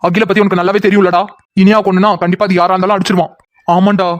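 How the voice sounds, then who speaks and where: A man voicing several male characters in a cartoon, quick and bantering, often flirty. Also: high-pitched, flat delivery, dry recording. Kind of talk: Tamil cartoon voice acting.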